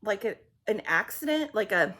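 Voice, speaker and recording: A woman giving a casual psychic reading, halting and repetitive with many fillers and restarts, sometimes sinking to a near-whisper. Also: medium pitch, lively intonation, pushed and bright. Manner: swearing, acts out heated quotes. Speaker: psychic reader.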